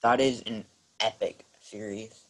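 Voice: mid-range voice, fairly even intonation, measured pace, rough recording. A player in a tabletop role-playing game chatting casually in a joking, wisecracking way. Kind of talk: casual chat.

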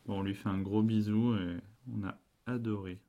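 A man's voice: on the low side, fairly even intonation, moderate pace, dark tone, muffled recording. A man co-hosting a casual family podcast, talking patiently and drawing out answers with questions, sometimes translating English into French. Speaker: podcast co-host and parent. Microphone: desk podcast microphone.

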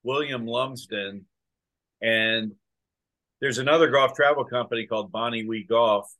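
A male podcast host in easy conversation, speaking at a mid pitch. He gets excited and stumbles over his words as he rushes into stories, restarting lines over and over. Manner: excited, talks in bursts with many restarts. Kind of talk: casual chat.

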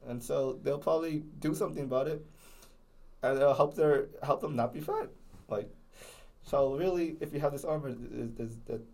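A man's voice: mid-range voice, moderate pace, warm tone. Young male co-host, slight lisp, loose rambling delivery, casual talk. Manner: rambling, many restarts and fillers. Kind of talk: casual chat.

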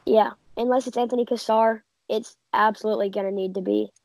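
A woman's voice: mid-range voice, steady tone, brisk, darkish tone, rough recording. A woman co-hosting a casual sports chat, giving confident, opinionated picks. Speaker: podcast co-host.

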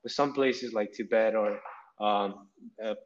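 A man's voice: fairly low pitch, fairly even intonation, measured pace, dull audio. A 21-year-old man from Nepal, a podcast guest chatting casually in a meandering, easygoing way. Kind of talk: casual interview chat.

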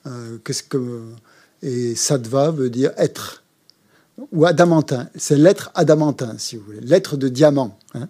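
Male Buddhist teacher, mellow voice, halting course delivery. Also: medium pitch, slightly rough. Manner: hesitant, frequent fillers and repeated words. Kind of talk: explaining a mantra in a course.

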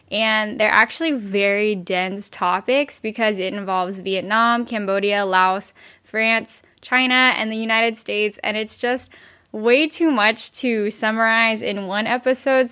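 A woman's voice: medium pitch, fairly bright tone. A woman co-hosting a podcast, explaining history in an informal, explanatory way. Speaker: podcast co-host.

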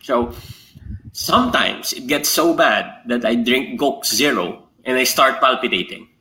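Bright-voiced man co-hosting a podcast. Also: mid-range voice, expressive, measured pace, poor audio. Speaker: podcast co-host. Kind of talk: casual chat.

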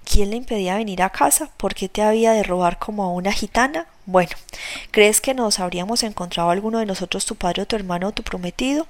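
A woman's voice: medium pitch, fast talker, lightly acted. A woman voicing a stern, blunt older matron of a household, scolding in an audiobook reading. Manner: scolding, commanding.

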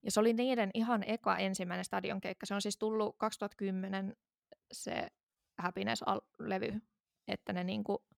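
A woman's voice: medium pitch, gravelly, no room sound, clean studio sound. A woman in her thirties, a podcast co-host, chatting casually and rambling with many fillers and restarts. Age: 30s. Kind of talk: casual chat.

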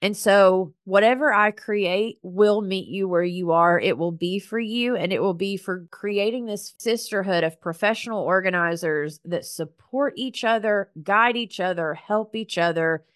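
A woman hosting a solo podcast, talking to her listeners like friends in an earnest, heartfelt way. She chats casually, with plenty of "like" fillers and warm encouragement. Her voice sits at a middle pitch and is recorded dry and close. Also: a little slow, few pauses, smooth, no echo. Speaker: podcast host and business coach for professional organizers.

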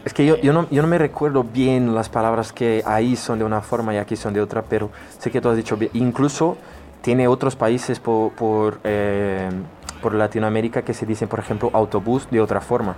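A man's voice: on the low side, steady tone, normal speed, a little mellow, a little hiss or hum. A man hosting a radio chat, playful and joking, often repeating words back to his guest. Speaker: radio host. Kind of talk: casual chat interview.

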